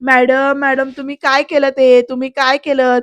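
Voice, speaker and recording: A woman's voice: high voice, completely flat delivery, normal speed, a bit bright, no echo. A woman reading the lines of a flustered young man who keeps pleading with a lady he calls madam, in a worried, pleading manner. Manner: pleading, anxious, repeats "madam".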